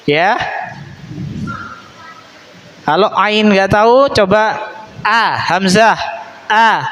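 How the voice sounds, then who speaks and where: A man teaching a children's Quran recitation class, playfully quizzing the kids with quick questions and chuckling often. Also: high voice, a bit bright, slight background noise, low-quality recording.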